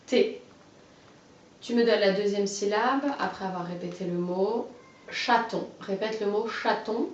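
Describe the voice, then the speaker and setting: A woman guiding a child through a phonology lesson, giving clearly pronounced words one at a time and encouraging replies. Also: mid-range voice, distant mic, slight background noise. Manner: slow, carefully articulated, encouraging. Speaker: teacher of a phonology exercise. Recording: dull, roomy, off-mic sound.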